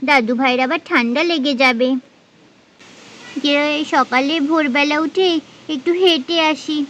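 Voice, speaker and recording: A woman's voice: sits high, normal speed, fairly bright tone, a little hiss or hum. A woman voicing an elderly village mother-in-law in a doll story, talking homely and chatty to herself.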